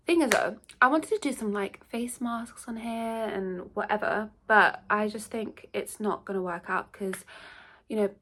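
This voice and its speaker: A young beauty vlogger sits at home in a shared house, chatting casually to camera in a get-ready-with-me video. She rambles in a loose, scattered way, hopping between thoughts, her medium-pitched voice stuffy and congested from a lingering cold.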